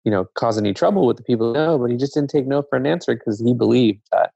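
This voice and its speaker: A man from Zambia, a guest in a casual conversation, speaking in a reflective, measured way and often restarting his sentences. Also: medium pitch, gravelly, warm tone, breathy edge, dry recording. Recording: dull lo-fi dry sound.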